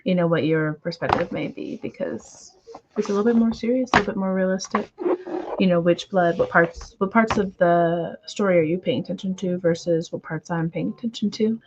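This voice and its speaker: Woman w a lowish slightly hoarse voice just chatting about comics on her stream, lots of ums, kinda dull lo-fi audio. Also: background noise. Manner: rambling, filler-heavy, self-deprecating; naturally fast talker trying to slow down. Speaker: comic book reading stream host. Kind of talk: casual livestream chat.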